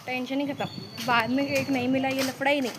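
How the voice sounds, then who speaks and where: A woman's voice: high-pitched, little pitch movement, quick pace. A young woman vlogging casually on her phone, chatting straight to her viewers and laughing often. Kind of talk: casual vlog chat. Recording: loud background noise.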